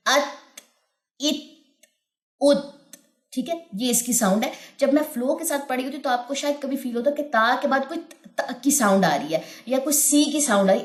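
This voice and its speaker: Woman teaching tajweed in an echoey room. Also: fairly high pitch. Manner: explains patiently, then chants verses slowly and melodically. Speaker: Quran recitation teacher. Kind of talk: tajweed lesson with chanted recitation.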